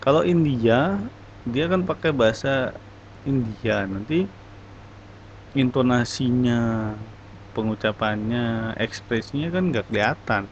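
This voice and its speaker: A man teaching a class, encouraging and patient as he explains things step by step. His voice sits at an ordinary middle pitch. The recording is dull and lo-fi, with a faint hiss behind him. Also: slow, long pauses. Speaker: English teacher. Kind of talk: online class talk.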